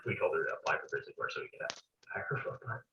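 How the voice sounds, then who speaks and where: A man's voice: very deep voice, racing, bright, forceful tone. A man chatting casually on a video call, easygoing and sometimes losing his words. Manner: easygoing, stumbling over words. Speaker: meeting participant. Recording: echoey lo-fi call, distant mic, faint hiss.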